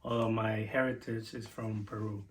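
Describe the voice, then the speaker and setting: A man's voice: on the low side, flat delivery, normal speed, slight background noise, rough recording. A young man from Venezuela talking casually to camera about parenting, earnest and reflective, often restarting his sentences. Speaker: co-host of a family channel.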